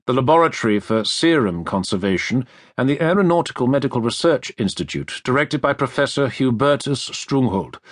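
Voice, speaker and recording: In a dry recording studio, a man with a mid-range voice narrates a nonfiction history audiobook close to the microphone. His phrasing is measured and deliberate, and there is no echo.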